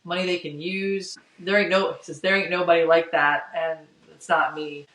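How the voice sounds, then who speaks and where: A man co-hosting a podcast casually recaps a TV episode at length, narrating the plot and acting out quoted lines. His voice is on the high side with a fairly bright tone, and the recording sounds roomy, as if he's distant from the mic.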